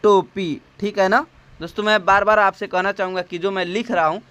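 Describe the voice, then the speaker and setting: A man teaching English spelling and pronunciation, spelling each word out slowly and asking his viewers questions, recorded on a phone. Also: sits high, steady tone, fairly bright tone, smooth, dry recording. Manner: slow and patient, spells words out letter by letter; repeats himself and asks the viewers questions.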